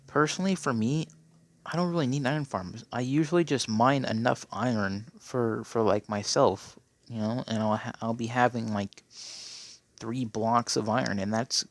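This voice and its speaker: A man giving casual, rambling gameplay commentary, with a phlegmy throat and a habit of tacking on "okay?". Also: mid-range voice. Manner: rambling, keeps clearing his throat, tacks on "okay?". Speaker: Minecraft player.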